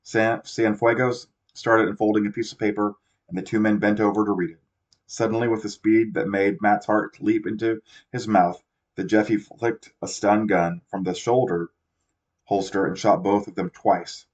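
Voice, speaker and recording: Reading a novel aloud for an amateur audiobook, a man speaks at a normal speed in a steady, fairly low voice. He trips over words often and corrects himself, and the audio is dull and lo-fi.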